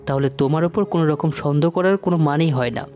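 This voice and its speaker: A cunning young male gangster, voiced by a woman in an audio drama, calm and persuasive while he schemes. The voice is pitched very low for a woman. Faint music sits behind. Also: fast, close to an everyday voice. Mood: scheming.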